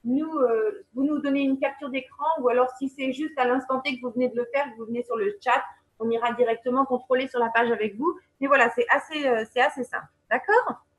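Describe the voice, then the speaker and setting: A woman's voice: sits high, steady tone, brisk, breathy edge, poor audio. A woman presenting a webinar, explaining a website step by step in a chatty way, with many fillers and check-ins to her viewers. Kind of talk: screen-share software walkthrough.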